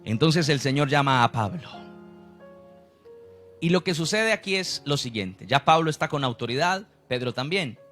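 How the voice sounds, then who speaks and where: A man's voice: fairly high pitch, animated, moderate pace, a bit bright, faint music behind. A man, preaching a sermon as a pastor, who acts out the people he quotes.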